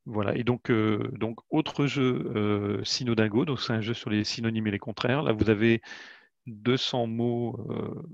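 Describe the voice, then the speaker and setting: A man with a gravelly, creaky voice gives a webinar presentation of card games, halting often with fillers and restarts. The audio is dull and lo-fi, with a dry sound and no room echo. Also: medium pitch, steady tone. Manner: hesitant, frequent "euh" fillers and restarts. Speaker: educational game creator presenting.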